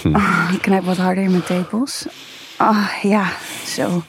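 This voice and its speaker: A woman's voice: lowish voice, steady tone, measured pace, noisy background. A woman playing an eager, coy lover in an intimate erotic audio drama.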